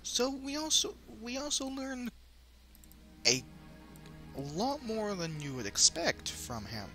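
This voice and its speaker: A man's voice: very high voice, very animated, takes it slowly, bright, forceful tone, faint music behind. A man hosting a let's play with casual, wry commentary that rambles into asides. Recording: home commentary with faint noise.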